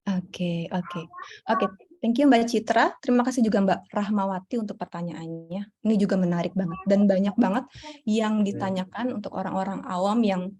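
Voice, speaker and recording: A woman psychologist answering audience questions in a relaxed, explanatory talk, with frequent fillers and a style touch. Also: mid-range voice, moderate pace. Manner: warm explanatory, many fillers. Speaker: psychologist guest. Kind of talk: casual Q&A talk.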